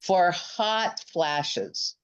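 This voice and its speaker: Slow-spoken woman, muffled lo-fi sound. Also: lowish voice, animated, clear, resonant tone, no echo. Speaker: group participant. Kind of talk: casual chat. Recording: dull, lo-fi call audio.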